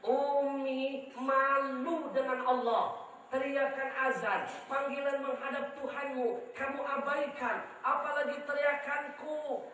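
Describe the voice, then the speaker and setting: A man putting on a soft-spoken devout mother. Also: extremely high pitch, level tone, slow, far from the mic, a little hiss or hum, voice pushed up, full character voice. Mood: gently stern. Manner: soft, solemn pleading. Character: gentle, devout mother calmly scolding her young son. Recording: echoey outdoor sound system heard from afar.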